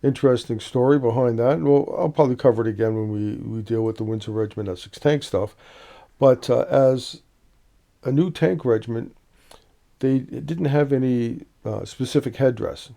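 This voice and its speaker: Hesitant man with a very dark voice. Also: mid-range voice, moderate pace, creaky. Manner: relaxed, hesitant, many "uh" fillers. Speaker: badge collector presenting a video series. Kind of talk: casual show-and-tell explanation.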